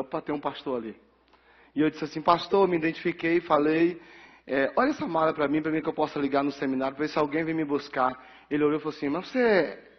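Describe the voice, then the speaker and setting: A middle-aged man from Bahia with a Bahian accent, a pastor telling his life story in a ceremony speech and acting out the dialogue with lively energy. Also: a little high, breathy edge. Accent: Bahian Portuguese. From Bahia, Brazil. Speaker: pastor receiving an honorary title. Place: large council chamber. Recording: dull sound with long hall reverb.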